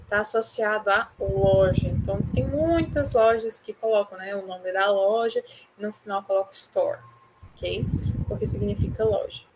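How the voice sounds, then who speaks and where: An English teacher with a Brazilian Portuguese accent gives an online class, explaining patiently step by step and frequently checking in with her students. Her voice is medium-pitched, and background noise can be heard.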